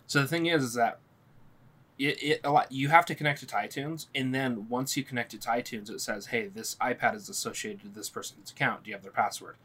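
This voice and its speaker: A man in a relaxed group chat who winds through his stories, circling back with "so anyways". His voice sits in an ordinary middle register. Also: mid-range voice, fairly quick, slightly rough. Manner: rambling storyteller, restarts often. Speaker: podcast co-host. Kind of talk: casual chat.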